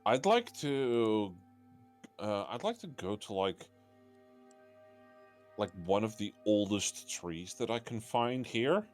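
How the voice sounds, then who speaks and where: A man playing a tabletop role-playing game, describing his character's actions in a halting way, often stopping to find words. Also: fairly low pitch, lively intonation, darkish tone, soft background music. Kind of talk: casual in-character play description.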